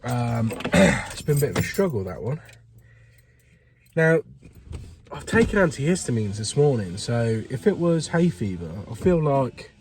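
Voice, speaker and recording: A British man who sounds unwell with a runny nose, talking casually and haltingly to himself as he narrates his plumbing work. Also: mid-range voice, big pitch swings, darkish tone. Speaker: plumber filming his jobs. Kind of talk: casual work vlog, talking through tasks. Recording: noisy, clicks and vehicle sounds.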